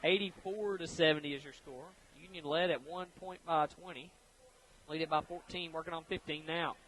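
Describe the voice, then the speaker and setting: High-voiced man calling basketball on radio. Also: rough recording. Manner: brisk, energetic call of the action with easy chuckles. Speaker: play-by-play announcer.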